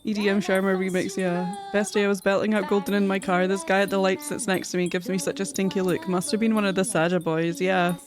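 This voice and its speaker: A woman's voice: medium pitch, flat delivery, fast, hardly any pauses. A woman streamer chatting playfully with her viewers while she draws, laughing often. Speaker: streamer sketching game characters. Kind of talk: casual live-stream chat with viewers. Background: music playing in the background.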